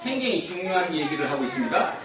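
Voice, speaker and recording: In a church sanctuary, a male pastor preaches with a fairly high, sing-song voice, talking fast over a noisy background. He puts questions to the congregation and repeats their answers, recorded from far off in an echoey hall.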